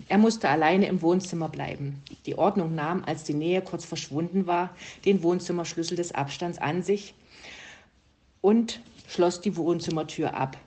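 A woman calmly reading a German story aloud to listeners. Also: lowish voice. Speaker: reader.

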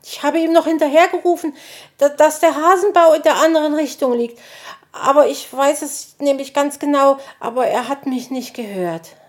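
A woman's voice: high-pitched, normal speed, voice pushed up, lightly acted. A woman voicing an eager little boy hedgehog in a storybook who pleads and stammers. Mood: flustered. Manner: pleading, stammering when excited. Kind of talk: storybook reading.

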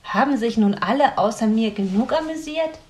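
A woman's voice: a little high, animated, moderate pace, a little mellow, lightly acted. A woman voicing a fretful, grumpy young man in training who grumbles and sulks. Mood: sulky, fretful. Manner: sulky, grumbling.

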